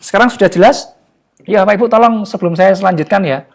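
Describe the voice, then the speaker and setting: A man giving a casual, jokey motivational talk to a live online audience, often pausing for words. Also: high-pitched, gravelly. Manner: chatty and jokey, often searching for words with fillers. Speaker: online class speaker.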